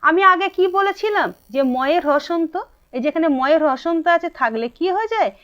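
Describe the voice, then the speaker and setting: A woman's voice: very high-pitched, animated, a little fast, fairly bright tone. A woman with a Bengali accent teaching a grammar lesson, asking her students questions and answering them herself. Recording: dull lo-fi sound.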